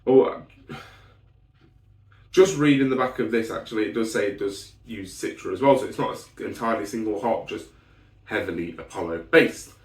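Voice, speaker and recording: A man reviews beers solo in a casual, rambling way, full of ums and restarts, his voice still recovering after an illness. It sits on the low side, a little mellow, at normal speed, from a distant mic in an echoey room.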